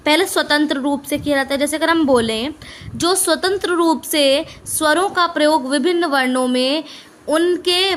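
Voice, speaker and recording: A woman's voice: sits high, fairly bright tone, slight background noise. A woman teacher explaining a grammar lesson patiently, checking in often with the listener and mixing in English words. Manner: patient, repeats points with "है ना" and "ठीक है"; mixes English words into Hindi.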